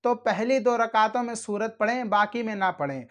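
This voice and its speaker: A man with a notably high voice teaches prayer rules to his channel's viewers. He talks in an earnest, admonishing way, repeating his warnings and addressing the audience formally. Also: moderate pace, fairly bright tone. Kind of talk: religious how-to instruction.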